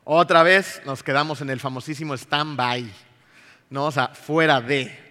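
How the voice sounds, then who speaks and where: A middle-aged man with a Mexican accent, a pastor telling a personal story in a sermon, animated and acting out his own outbursts. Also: mid-range voice, measured pace, in a large hall. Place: church.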